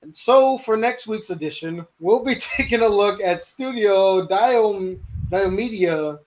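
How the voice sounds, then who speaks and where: A young man hosting a casual live-stream chat, animated and ranting, with quick asides. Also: high voice. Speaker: host.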